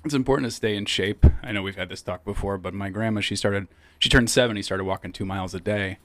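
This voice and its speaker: A man on a podcast in a small shed studio, casually telling dad jokes in a deadpan way and laughing at his own punchlines. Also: lowish voice, quick pace. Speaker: podcast co-host. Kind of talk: casual joke-swapping chat.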